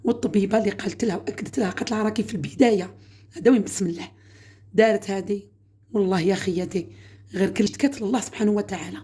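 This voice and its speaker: A woman's voice: mid-range voice, rapid-fire, dark tone. A woman with an Algerian Arabic accent hosting a home cooking channel, chatting through a home-remedy demonstration and often calling her viewers "my sisters".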